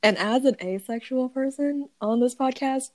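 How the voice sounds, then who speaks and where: A woman's voice: sits high, normal speed, a little mellow, no room sound. A woman co-hosting a podcast in casual chat, laughing often and adding teasing, dry asides. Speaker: podcast co-host.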